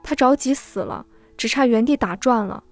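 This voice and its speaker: Woman reading a story in first person, highish voice, dry sound, faint music behind. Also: normal speed. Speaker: story narrator.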